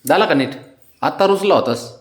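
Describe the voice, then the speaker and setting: A man coaxing his pet cat in soothing baby talk, often dropping to soft murmurs. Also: a little high, animated, brisk. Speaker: cat owner vlogger.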